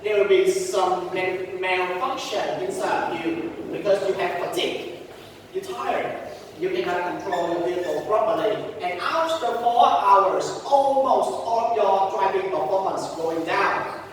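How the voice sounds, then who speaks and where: A man's voice: sits high, measured pace. A young man with a Vietnamese accent giving an explanatory student thesis presentation. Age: young adult. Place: large echoing room indoors. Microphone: distant room microphone. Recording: very echoey hall, distant mic, faint noise.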